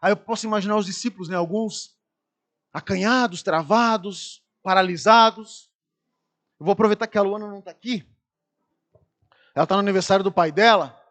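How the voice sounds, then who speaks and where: Brazilian pastor, very high male voice, animated storyteller who acts out scenes from the pulpit. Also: fairly quick, long pauses. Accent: Brazilian Portuguese. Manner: lively anecdotes, acts out screaming people. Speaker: preacher. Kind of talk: storytelling sermon.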